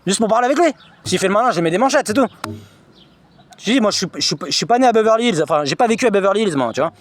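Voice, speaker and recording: A high-pitched man rants fast and lively, a vlogger retelling his own experiences in a personal storytelling monologue. He's agitated, repetitive and slangy.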